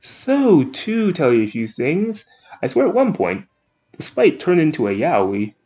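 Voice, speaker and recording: A man's voice: on the high side, unhurried. A man hosting a casual anime review video, rambling, jokey and correcting himself as he goes. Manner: animated, up-and-down delivery. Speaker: anime reviewer, channel host.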